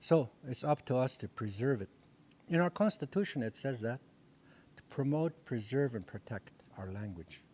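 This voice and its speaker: In a classroom lecture, an older native Dakota speaker teaches a language class indoors with a handheld mic. His medium-pitched voice is animated and a little mellow, at a moderate pace, and he keeps restarting and repeating as he earnestly explains.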